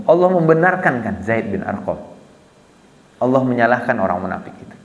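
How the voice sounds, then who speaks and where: A man with a Banjar Malay accent preaching a casual, storytelling sermon, acting out quotes and asking the listeners questions. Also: mid-range voice. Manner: lively, acts out quotes, asks listeners questions. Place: small prayer hall. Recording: echoey prayer hall with long reverb.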